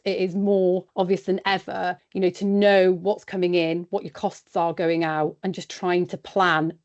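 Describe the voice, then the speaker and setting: A woman in her forties talks easily and practically, as if chatting across a kitchen table. Her voice sits at an ordinary middle pitch. The recording is somewhat dull and lo-fi. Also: a little mellow. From West Wales. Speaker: independent sheep consultant. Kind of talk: podcast interview. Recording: dull, lo-fi sound.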